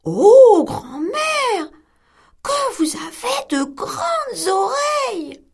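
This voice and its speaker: A woman's voice: very high-pitched, sing-song, drawn-out words, creaky, slight background noise, voice pushed up, full character voice. A woman voicing an innocent, trusting little girl in a fairy tale. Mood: wondering. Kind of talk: storybook reading.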